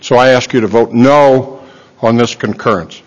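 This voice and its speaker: A man, a committee chairman, giving a plain floor speech in a legislative chamber with a few halting restarts. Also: mid-range voice. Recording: dull lo-fi chamber feed.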